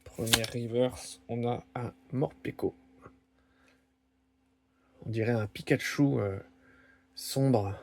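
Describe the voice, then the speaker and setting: A man talks his way through opening a box of trading card packs at an unhurried pace, naming each card as he flips it. His voice has a gravelly fry, and a faint hiss sits under the recording. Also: medium pitch. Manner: slow, musing, lists card names one by one. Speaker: card-opening video host. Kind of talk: casual unboxing commentary. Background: crinkling card wrappers.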